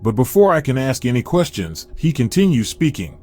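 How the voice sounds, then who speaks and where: Male narrator, mid pitch, steady first-person horror storytelling. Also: brisk.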